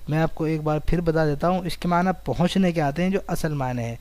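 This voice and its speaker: A man with an Indian Urdu accent, his voice pitched a little high, teaches a recorded Arabic lesson. He reads each phrase aloud and then explains its words one by one. The sound is dry, with almost no room echo. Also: a little mellow. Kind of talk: recorded online lesson, reading and translating.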